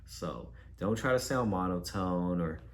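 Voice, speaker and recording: A man's voice: sits low, animated, unhurried, slight background noise. A man giving casual career advice to camera from home, talking loosely, with fillers and repeated words. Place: at home, with laundry machine nearby.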